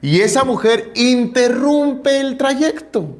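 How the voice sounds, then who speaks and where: A middle-aged man preaching a sermon, telling stories in a lively way with sound effects. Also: very high voice, slow pace. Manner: animated storytelling with sound effects. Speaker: pastor.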